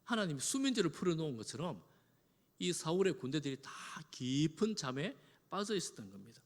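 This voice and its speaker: Lively high-voiced pastor in a reverberant hall. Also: male voice, brisk. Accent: Korean. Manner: dramatic, acts out quotes with raised voice. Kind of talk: sermon. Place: large church hall. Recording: long church hall reverb.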